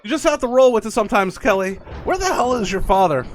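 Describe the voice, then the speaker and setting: A man's voice: high voice, lively intonation, fast, slight background noise. A man reading the lines of a worried, talkative middle-aged mother from a game, nagging and repeating herself, with faint game music behind. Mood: resigned. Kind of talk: reading game dialogue aloud in character.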